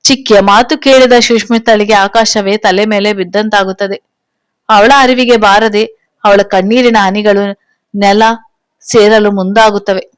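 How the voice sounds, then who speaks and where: A woman tells a storybook tale, steady and close to the mic. Her voice sits at an ordinary middle pitch, and the recording is dry with no room sound. She reads the characters' lines without changing her voice much. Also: measured pace, clean tone, no echo. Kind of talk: storybook narration with dialogue.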